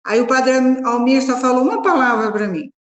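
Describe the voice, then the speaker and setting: A woman's voice: fairly high pitch, a little fast. A woman, a catechist, tells a personal story in a group Bible study, talking conversationally and often adding "né?" as she goes. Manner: conversational, frequent tag "né?", retells dialogue. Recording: echoey room.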